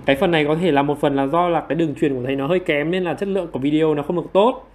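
Higher-voiced man coaxing students for answers. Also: a little hiss or hum. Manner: self-deprecating, quick to apologize with laughs. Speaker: online English teacher. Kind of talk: livestream quiz teaching.

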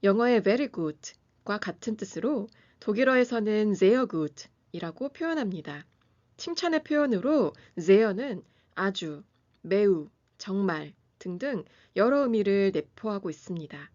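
A woman hosting a music lesson, reading a scripted lesson and pronouncing German terms slowly and carefully. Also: medium pitch, animated, a little mellow, lo-fi sound. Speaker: piano teacher and channel host.

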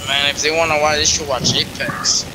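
A man's voice: a little high, fairly even intonation, moderate pace. A young man chatting casually as he streams a game, talking in sweary frat-bro slang over game noise. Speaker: gamer streaming to viewers. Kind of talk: casual live gaming chatter. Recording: noisy game sound behind voice.

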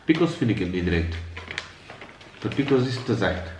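A man's voice: fairly low pitch, big pitch swings, moderate pace. A man in his thirties with a Flemish accent giving casual tasting comments at a table indoors. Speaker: family vlog participant. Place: indoor room at home, around a table. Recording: echoey room, clear background noise.

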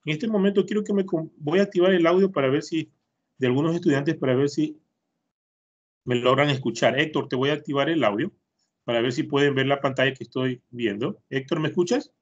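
A patient male teacher with an Ecuadorian Spanish accent, leading an online class for children and drilling pronunciation by saying words over and over. His voice is a little husky and sits fairly high for a man. It comes through a computer mic on a video call, muffled and lo-fi. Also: a little fast. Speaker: English teacher.

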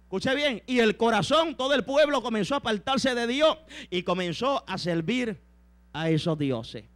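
Male evangelist, very high voice, bright ringing tone, fervent sermon, in a church. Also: lively intonation, moderate pace. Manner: fervent, peppered with interjections of praise. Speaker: evangelist preacher.

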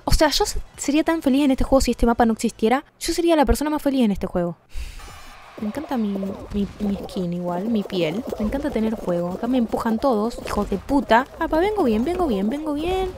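Young woman gamer, Rioplatense accent, higher voice, loud outbursts and casual asides. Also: slight background noise. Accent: Rioplatense Spanish. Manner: swears and shouts at the game, chatty asides to viewers. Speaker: gaming streamer. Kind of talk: casual gaming commentary.

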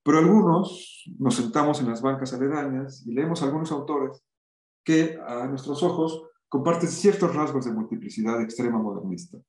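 Over a video call, a middle-aged lecturer reads passages out loud, breaking off for his own asides and sometimes restarting. He speaks at a moderate pace in a slightly mellow, medium-pitched voice that echoes in a reverberant space.

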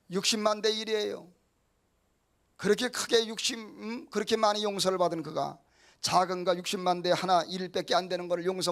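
A man's voice: high voice, gravelly. A middle-aged male pastor preaching a sermon in a folksy way, acting out little quotes and calling out hallelujah.

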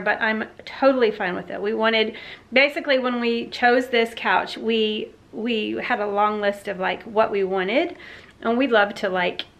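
Woman, 40s, Southern American accent, chatty home vlogger, slightly high voice, filmed at arm's length indoors. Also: a bit bright. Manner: chatty, rambling with many fillers and restarts. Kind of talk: casual chat. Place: her living room at home, indoors. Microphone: handheld camera at arm's length.

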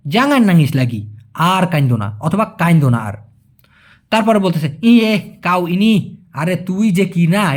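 A language teacher, acting out short dialogues and then repeating and explaining each phrase word by word. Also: medium pitch. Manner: acts out short dialogue lines in shifted voices. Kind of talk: explaining a role-played dialogue.

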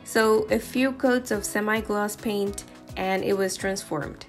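A woman's voice: medium pitch, fairly even intonation, takes it slowly, soft background music. Upbeat, encouraging woman vlogger. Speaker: home renovation vlogger. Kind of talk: friendly voice-over narration. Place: home living room, indoors. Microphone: lapel mic.

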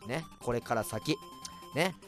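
A man chatting on a casual home livestream, a bit tipsy, reading comments with a rambling, erratic manner and sudden loud outbursts. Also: medium pitch, slow pace, faint music behind. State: tipsy from drinks. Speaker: livestreamer, band vocalist. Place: at home, indoors. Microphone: cheap desk mic.

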